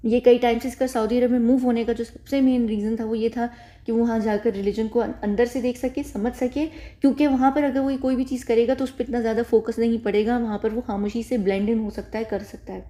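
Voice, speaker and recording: A woman's voice: a little high, little pitch movement, a little fast, dark tone. A woman talking casually to her viewers in a rambling way, repeating phrases and correcting herself as she goes. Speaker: YouTube commentator. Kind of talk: casual spoken commentary to camera.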